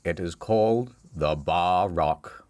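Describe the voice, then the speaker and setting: A man narrating a comedic history video, wry and storytelling, with sudden swings in pitch. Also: takes it slowly, darkish tone.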